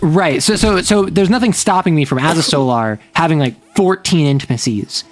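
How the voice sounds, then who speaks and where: Male streamer, a bit high, wry and chatty, stacks quick interjections; soft music underneath. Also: lively intonation. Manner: quick interjections, joking, repeats words. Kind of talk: casual chat.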